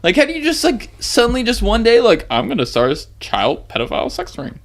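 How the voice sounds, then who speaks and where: Man, young adult, podcast co-host, teasing and crude, animated pitch. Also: fast, creaky. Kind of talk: casual chat.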